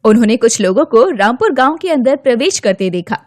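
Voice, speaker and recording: A woman storyteller reads a scripted children's tale in a high-pitched voice that swoops expressively. She's very animated and fairly quick, and the studio recording is dry.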